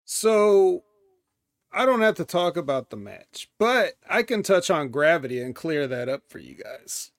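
Easygoing man, slightly high voice. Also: very animated, a little slow, no room sound. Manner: easygoing, explains wrestling psychology. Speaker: podcast co-host, wrestling veteran. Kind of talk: casual wrestling review chat.

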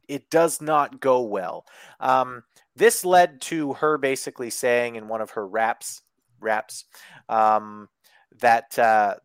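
A man's voice: medium pitch, no room sound. Sarcastic man ranting on a wrestling podcast. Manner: sarcastic and profane, frequent ums and restarts. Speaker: podcast co-host recapping wrestling. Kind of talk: casual chat.

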